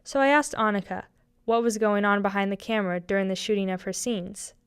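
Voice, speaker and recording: A woman narrating a short documentary and interviewing its subject, reading her script in an even, read-aloud way. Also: mid-range voice, a little fast, smooth, no room sound, clean studio sound.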